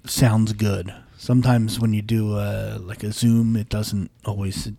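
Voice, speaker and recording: A man's voice: fairly low pitch, little pitch movement, gravelly, dark tone, slightly rough, no room sound. A man hosting a casual podcast chat, teasing his friends and firing off questions. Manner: joking, teasing, quick questions.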